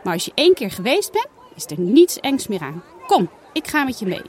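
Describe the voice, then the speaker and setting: A bold, cheerful six-year-old girl from a storybook speaks in a high, bright little voice, as a woman reading aloud puts her on. She sounds eager and encouraging. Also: sing-song, brisk, slight background noise.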